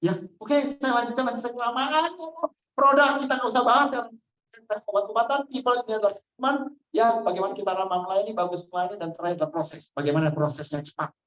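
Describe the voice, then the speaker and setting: A woman's voice: medium pitch, fast talker, fairly bright tone. A woman trainer giving a customer-service training lecture and quizzing the audience as she goes. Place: training hall. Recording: echoey, dull lo-fi room sound.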